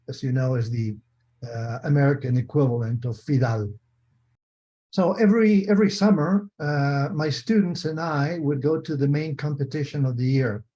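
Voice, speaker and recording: An older Spanish man, a retired biomechanics professor, lectures over a video call in a Spanish accent, methodically repeating and rephrasing key points. His voice is mid-range with a dark tone, and the call audio is dull and muffled.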